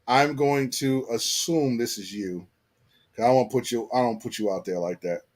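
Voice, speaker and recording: A man's voice: mid-range voice, moderate pace, darkish tone. An American man hosting a casual live chat, slangy and fond of repeating phrases for emphasis. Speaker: live stream host.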